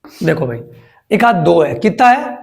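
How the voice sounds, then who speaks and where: A man's voice: high-pitched, big pitch swings, unhurried, creaky. A man with a Rajasthani accent teaching a history lesson for exam preparation, repeating key words and joking with students. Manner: chatty, jokes with students.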